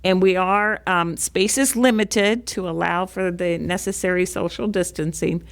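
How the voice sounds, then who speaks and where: Earnest low-voiced woman with vocal fry. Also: steady tone, a little slow. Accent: American Midwest. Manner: earnest, pleading, repeats "please". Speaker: county commissioner. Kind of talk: public meeting remarks.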